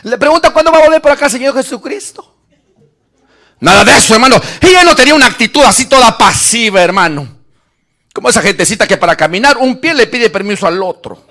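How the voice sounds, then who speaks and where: A man preaching an animated sermon, shouting at peaks and acting out Bible scenes in voices. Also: very high-pitched, fast. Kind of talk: lively Spanish-language sermon.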